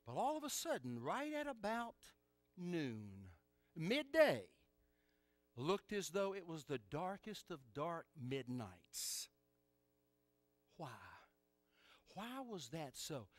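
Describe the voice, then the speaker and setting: A male pastor preaching a sermon in church, emphatic and animated, with joking asides. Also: on the high side, slow pace, pauses often, no echo.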